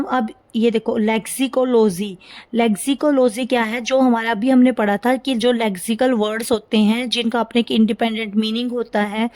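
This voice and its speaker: A woman's voice: on the high side, darkish tone. A woman teacher, explaining a lesson for an exam and asking her own questions, then answering them as she repeats the key terms. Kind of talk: exam-prep lecture, Hindi mixed with English.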